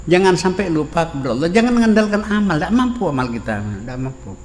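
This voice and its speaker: A man's voice: high voice, very animated, fast, a little mellow. A man preaching, telling a story, repeating phrases and quoting Arabic, recorded in a reverberant hall with faint background noise. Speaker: Islamic preacher. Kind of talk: sermon on a classical text.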